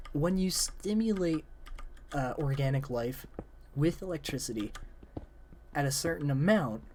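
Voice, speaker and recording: Chatting with a friend about story ideas as they game, a young man rambles with many fillers while his voice wears out and cracks. He speaks at a medium pitch, and a little hiss or hum can be heard.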